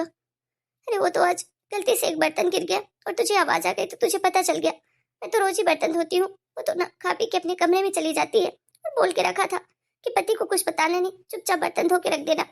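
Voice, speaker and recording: A woman's voice: very high voice, creaky. A woman voicing a sly, complaining older mother-in-law in a cartoon, with whiny dramatic grumbling.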